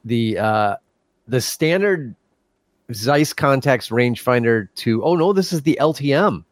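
A man's voice: medium pitch, lively intonation, measured pace, dry recording. Male podcast host, casual storyteller, laughs a lot, dry close mic. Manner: chatty storyteller, laughs often, many fillers. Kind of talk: casual chat.

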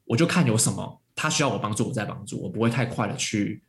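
A man's voice: on the low side, expressive, fast. A man telling a story in casual conversation, with many fillers and restarts, acting out the voices of the people in it. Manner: acts out quoted voices of parents. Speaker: podcast guest.

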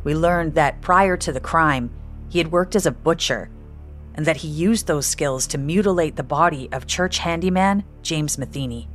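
Low-voiced woman narrating true crime. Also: moderate pace, soft background music. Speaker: podcast host and narrator.

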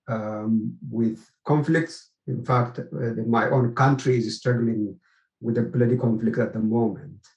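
A middle-aged man from Ethiopia speaks in a mid-range voice, answering an interview as a theology researcher. He talks in a measured, halting way, pausing to find his words. The recording carries a roomy echo. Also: mid-range voice, a little mellow.

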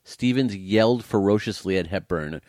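Low-voiced man reading film trivia. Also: normal speed, a little mellow, no room sound. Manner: dry, teasing, reads trivia aloud. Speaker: podcast co-host. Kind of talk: casual chat about old movies.

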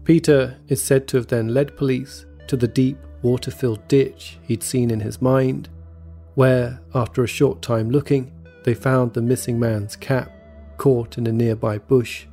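A man tells a scripted true story in a steady, measured way. His voice is dark and warm, with a gravelly edge. Faint music plays beneath his narration. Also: mid-range voice. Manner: measured, even storytelling delivery. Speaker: podcast narrator. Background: faint background music.

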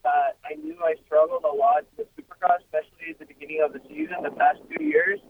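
Brief: young male guest, raised pitch, lively and easygoing, tinny phone line. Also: quick pace, vocal fry, a little hiss or hum. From Ecuador. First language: Spanish. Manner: lively, easygoing, many fillers. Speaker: racing guest. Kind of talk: casual phone interview.

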